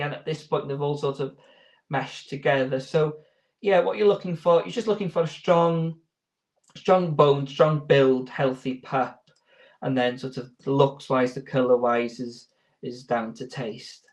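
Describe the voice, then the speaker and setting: A man's voice: mid-range voice, fairly even intonation, moderate pace, darkish tone, rough recording. A man giving informal interview answers as a sheepdog handler, explaining in a hesitant, rambling way.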